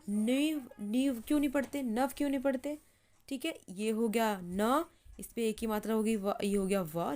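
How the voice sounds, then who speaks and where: A woman teaching English pronunciation in Hindi, repeating each word slowly as she writes it and checking in with "ठीक है" again and again. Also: fairly high pitch, darkish tone. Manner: repeats words slowly while writing, says "ठीक है" often. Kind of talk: slow explanatory lesson.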